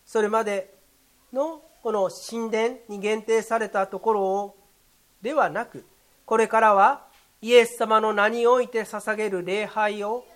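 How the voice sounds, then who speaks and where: Measured, formal pastor preaching. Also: mid-range voice, fairly even intonation, fairly bright tone. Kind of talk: sermon.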